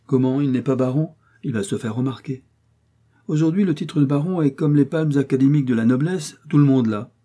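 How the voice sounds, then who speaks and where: A man reading as an older marquis in a storybook, trusting and naive, speaking with fatherly earnestness. The voice is mellow and slightly husky. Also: mid-range voice, brisk, voice pushed up, close to an everyday voice. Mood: kindly. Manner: kindly, earnest.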